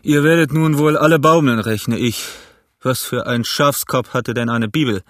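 A man's voice: medium pitch, normal speed, fairly bright tone, no room sound, studio quality, close to an everyday voice. A man voicing a sly, mocking old pirate cook in an audiobook, talking with jovial sarcasm. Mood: scolding. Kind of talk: audiobook character voice.

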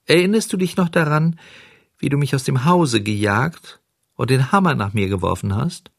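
A man voicing a small, wise, fussy cricket in an audiobook, speaking high and scolding primly. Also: animated, normal speed, gravelly, husky, no echo, studio quality. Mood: reproachful. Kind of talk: audiobook character voice.

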